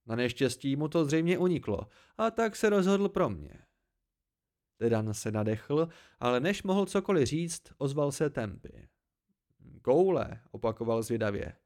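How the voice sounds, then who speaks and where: A man narrating an amateur audiobook in a steady storytelling manner. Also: on the high side. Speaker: audiobook reader.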